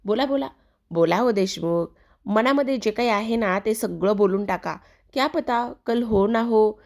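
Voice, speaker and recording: A woman's voice: mid-range voice, a little slow, creaky, darkish tone, pitched above the performer's own voice. A woman reading as Kavya, a playful teasing young wife. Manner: teasing, coaxing.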